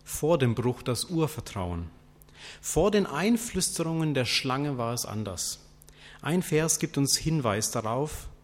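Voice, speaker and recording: A male preacher delivers his sermon at an unhurried pace, posing rhetorical questions one after another. His voice sits at an ordinary middle pitch. A long reverb trails each phrase, as in a large church hall. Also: sing-song.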